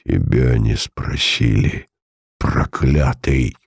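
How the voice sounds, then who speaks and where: A vicious old bandit played by a man who rasps out his curses, gravelly and dark. His slow, snarling words land heavily in a dry, close audiobook recording. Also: sits low, expressive, dry recording, heavily acted. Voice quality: hoarse, rasping.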